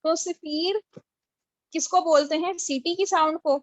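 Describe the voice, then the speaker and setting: A woman's voice: very high-pitched, fairly even intonation, no room sound, low-quality recording. A woman teaching a live online class on Quran recitation rules, explaining patiently and checking on her students with questions. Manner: explanatory, mixes English terms into Urdu, checks understanding with questions. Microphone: video call microphone.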